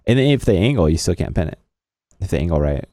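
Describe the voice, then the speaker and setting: A man's voice: low-pitched, big pitch swings, fast, dark tone, no room sound, clean studio sound. A man co-hosting a casual gaming podcast, laid-back and joking. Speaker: podcast co-host.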